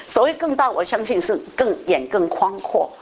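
A woman preacher giving a lively testimony sermon, telling stories and dropping in English phrases. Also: medium pitch, moderate pace, poor audio. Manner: animated storytelling with bursts of English.

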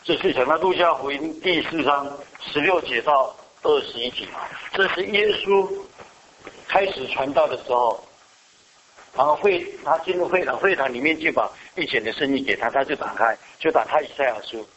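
Bright-voiced man preaching a sermon. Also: a little high, moderate pace, dull audio, slight background noise. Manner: asks the congregation questions and answers them. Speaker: pastor.

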